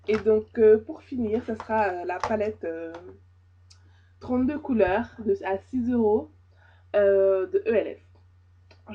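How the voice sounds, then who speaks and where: A woman's voice: medium pitch, mellow, breathy edge. A young woman chatting casually to camera as a beauty vlogger, hesitant with many fillers and repeats. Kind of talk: casual makeup review. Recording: dull lo-fi camera audio.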